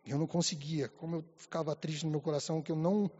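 A man with a high voice preaches in a church, hushed and halting at times, fervent at others. His voice carries a long hall reverb, and the sound is dull and muffled. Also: level tone, breathy edge. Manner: soft and halting, rising to fervent. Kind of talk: sermon with personal testimony.

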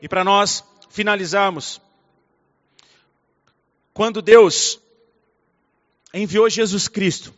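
A pastor with a high voice preaches to his congregation with fervor, dropping to a hush and then rising to loud calls. The sound is dull and lo-fi, with long reverb from the church hall around him. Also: slow pace, pauses often. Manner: fervent preaching, swinging between soft intimacy and loud fire. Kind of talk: sermon.

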